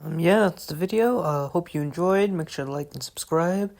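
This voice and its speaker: Low-voiced woman stumbling through an explainer. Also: normal speed, a little mellow, rough recording. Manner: stumbling, often repeats and restarts words. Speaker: video host. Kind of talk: casual narrated explainer.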